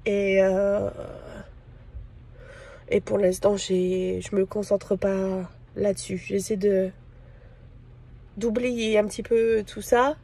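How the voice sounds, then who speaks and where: A woman from France talking casually to camera in a personal vlog, hesitant and full of pauses and fillers. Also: mid-range voice, little pitch movement, creaky, mellow, breathy edge. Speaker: vlogger.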